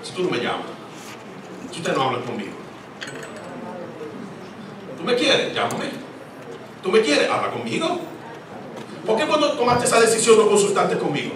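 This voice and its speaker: Preacher man doing god's voice, reproachful and pleading, high and lively, echoey church, crowd in back. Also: normal speed, long pauses, distant mic, noisy background. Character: God speaking, reproachful, pleading father.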